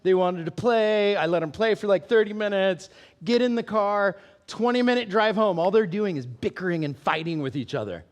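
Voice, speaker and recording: A man with a notably high speaking voice preaches in a loose, conversational way. He is candid and self-deprecating, laughing often and checking in with his listeners through quick questions. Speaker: pastor. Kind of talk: conversational sermon.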